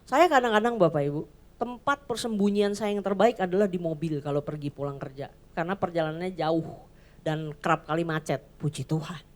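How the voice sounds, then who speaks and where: A woman pastor giving a sermon in church, chatty and lively, often acting out little voices. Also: on the low side, a little fast. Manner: lively, conversational, acts out voices.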